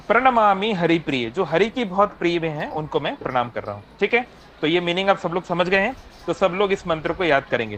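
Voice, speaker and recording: A man leads a devotional class online through his phone, patiently explaining, slipping in English phrases, and frequently checking in with "है ना?". He sounds on the high side and a bit bright. Audio quality is rough, carrying some hiss or hum.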